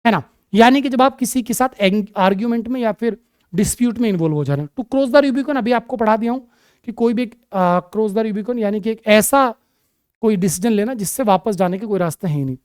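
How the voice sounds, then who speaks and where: A man with a high voice runs an exam-prep English lesson and talks to his students fondly, like a doting elder. He spells words out slowly, one letter at a time. The recording is dry, with almost no room sound. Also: animated, smooth, no room sound. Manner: affectionate, calls students "my child" and "beta". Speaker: English teacher.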